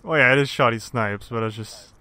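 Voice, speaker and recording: A man's voice: medium pitch, quick pace, bright, forceful tone, slight background noise. A young man chatting over a headset while gaming, exasperated, laughing often and swearing. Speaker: gamer in party chat. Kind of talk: casual chat while gaming.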